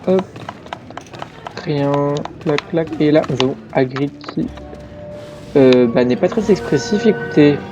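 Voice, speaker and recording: Playing a video game with music in the background, a weary, yawning let's-play gamer rambles through casual asides. He speaks at a measured pace with frequent pauses, his voice on the high side and the highs of the recording cut off.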